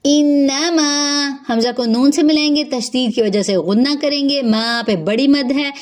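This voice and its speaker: A woman teaching Quran recitation rules, explaining patiently step by step. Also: high voice. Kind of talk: tajweed lesson, slow recited verses then spoken rules.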